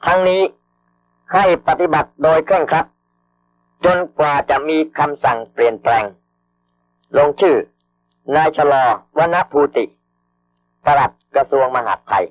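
A man reading out formal official orders over a radio broadcast, slowly repeating each phrase for dictation. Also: medium pitch. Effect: heard over a radio broadcast. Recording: dull lo-fi archival radio broadcast.

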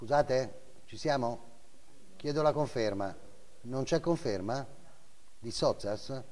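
A man's voice: mid-range voice, slow, a little mellow. A middle-aged man working as an auctioneer, calling lots and bids in clipped, repeated numbers. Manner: clipped, repetitive calling of numbers and bid increments. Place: auction house room, indoors, at a wooden rostrum. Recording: echoey hall, long reverb.

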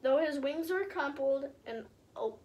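A woman's voice: sits high, expressive, measured pace, dull audio. A woman reading a rhyming picture book aloud in a sing-song way, breaking off to chat with viewers. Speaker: storybook reader.

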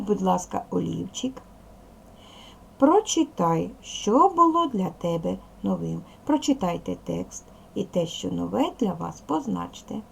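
Husky, patient woman teaching children. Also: medium pitch. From Ukraine. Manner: slow, clear, patient explaining. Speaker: primary school teacher. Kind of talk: video lesson for young children.

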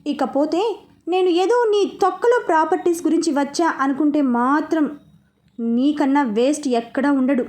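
A woman's voice: high-pitched, moderate pace, darkish tone, close to an everyday voice. A woman voicing a cocky, teasing young man in a read-aloud story. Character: cocky young man, confident mafia boss hero.

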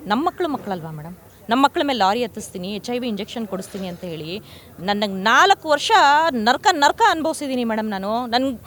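A woman from Karnataka, speaking at a press conference and making fierce, repetitive accusations. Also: a little high. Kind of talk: angry press statement.

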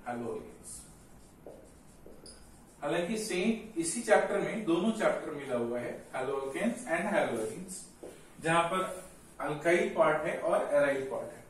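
A man's voice: a little high, animated, slow, pauses often. Guy teaching chem step by step, asks himself questions, on the words, bit of hiss, mic far away. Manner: explains step by step, asking and answering his own questions. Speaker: chemistry teacher. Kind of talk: classroom lecture. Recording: echoey room, mic far off, faint noise.

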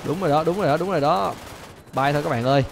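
A man hosting a gaming channel, chattering excitedly to viewers as he plays and repeating his phrases, with faint game gunfire behind him. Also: a little high, very fast, gravelly, a little hiss or hum. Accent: Vietnamese. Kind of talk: excited gameplay commentary.

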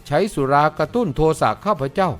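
A man voicing a hot-tempered, hard-drinking male swordsman in an audiobook, loud and blustering. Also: high-pitched, animated, brisk, soft background music. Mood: grumbling. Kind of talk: audiobook character voice.

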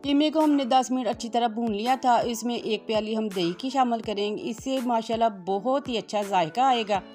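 A woman hosting a cooking channel narrates each step politely in a voice-over, including religious greetings. Her voice is a little high, a little fast and darkish, with soft music in the background.

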